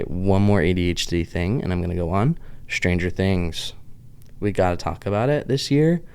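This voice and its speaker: This vlogger is a Pittsburgh man in his thirties whose local accent has some Southern US flavor. His voice is low-pitched, slightly mellow, clear and resonant as he wanders through a chatty, tangent-filled monologue, saying "like" again and again.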